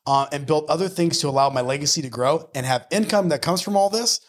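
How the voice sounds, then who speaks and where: Speaking fast in a slightly high voice, this man in his early forties is a podcast guest, a mortgage lender and business owner. He's conversational, earnest and motivational, and he often checks in with "right?".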